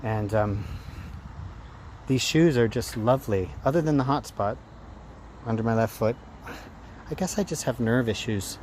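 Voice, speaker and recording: A man talking casually and reflectively to a handheld phone in a rambling vlog, in halting phrases. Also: medium pitch, a little mellow. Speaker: running vlogger. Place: outdoors after a run. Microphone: handheld phone camera at arm's length. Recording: outdoor noise, traffic ambience.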